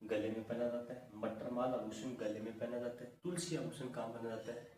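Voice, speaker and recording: A man's voice: medium pitch, fairly even intonation, a little fast, darkish tone. A man teaching an exam-prep lesson, reeling off lists of terms and asking and answering his own questions. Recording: echoey room, mic at a distance, faint noise.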